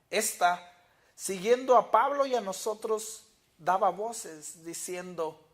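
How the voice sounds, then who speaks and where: Pastor preaching in church; tells stories and acts out the dialogue; mid-range pitch. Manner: storytelling, acting out quoted dialogue. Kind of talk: sermon.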